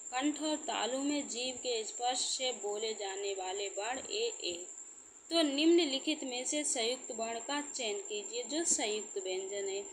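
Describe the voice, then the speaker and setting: Woman teacher for an exam-prep lesson: unhurried, high voice, answers her own rhetorical questions. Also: a bit bright, slight background noise. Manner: slow, repeats points with rhetorical questions.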